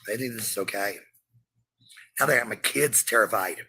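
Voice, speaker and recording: A parent hosting a livestream goes on an angry, combative rant, swearing heavily and repeating phrases for emphasis. His voice is lowish and pushed, bright with a breathy edge, at a moderate pace.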